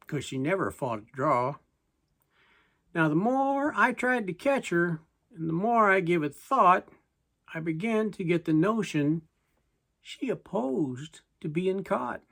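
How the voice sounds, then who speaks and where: A person with a reciting poetry as a story in verse, in a folksy way with deliberate pauses. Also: mid-range voice, fairly bright tone.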